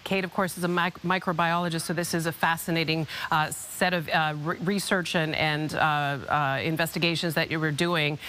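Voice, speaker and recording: A woman's voice: deep voice, fairly even intonation, moderate pace, few pauses, a bit bright, slight background noise. A middle-aged American woman working as a morning TV anchor, interviewing live from a studio on a lapel mic. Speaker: television morning news anchor. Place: TV news studio.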